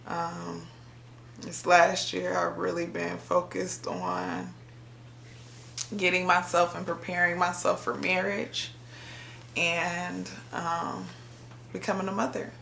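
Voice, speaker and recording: A woman from Ohio sharing a reflective faith talk on her vlog, speaking slowly and haltingly with many pauses and fillers, emotional and near tears. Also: lowish voice, completely flat delivery, vocal fry, a bit bright, roomy sound, a little hiss or hum. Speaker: vlogger.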